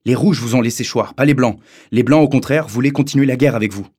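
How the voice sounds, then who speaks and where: A man reading aloud and voicing an indignant young émigré schoolboy who shouts back at a bully. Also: medium pitch, fast, slightly rough, pitched above the performer's own voice, lightly acted. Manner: shouting in outrage.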